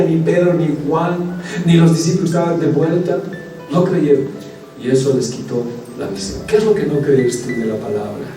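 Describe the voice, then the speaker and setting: A man's voice: on the high side, mellow. A male preacher giving an emphatic sermon in a church, calling the congregation his brothers. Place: church hall. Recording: echoey hall, mic from a distance, faint music.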